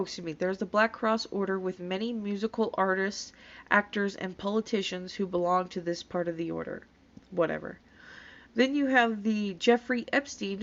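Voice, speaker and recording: A woman reading comments aloud in disbelief and adding casual, sarcastic, scoffing commentary with plenty of swearing. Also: mid-range voice. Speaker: YouTube commentator reacting to comments. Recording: dull, lo-fi sound.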